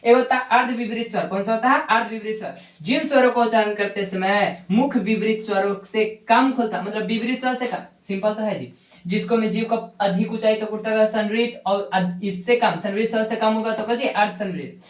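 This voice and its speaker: A woman's voice: medium pitch, a little fast. Bihari-accented woman teacher drilling a grammar lesson, answering her own questions, recorded in an echoey room. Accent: Magahi-inflected Hindi from Bihar. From Bihar, India. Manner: repetitive drilling, asks questions and answers them herself.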